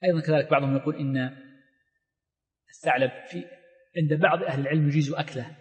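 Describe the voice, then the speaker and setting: An Islamic scholar teaches fiqh in a quick, slightly high, steady voice, reading a line from the text and then explaining it at length with many fillers and restarts. A long reverb surrounds his voice, suggesting a large hall or mosque.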